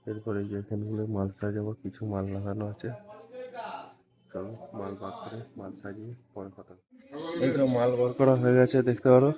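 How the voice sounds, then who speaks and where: A man, hoarse from a cold, narrating his workday at a phone shop in a casual, self-mocking vlog. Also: fairly low pitch, mellow, poor audio. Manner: joking, self-mocking, chatty. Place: busy shop and street.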